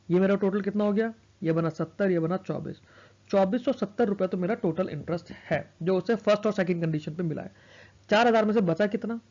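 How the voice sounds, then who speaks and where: A man's voice: high voice, a little mellow, highs cut off. A man teaching an exam math lesson in a mix of Hindi and English, working sums aloud and answering his own questions. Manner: works sums aloud, asks and answers himself.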